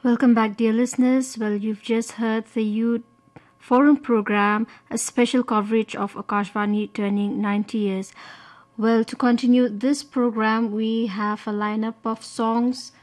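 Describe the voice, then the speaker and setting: A woman presenting a radio program in a smooth host manner, addressing listeners and introducing songs. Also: a little high, level tone, a little slow, a little mellow.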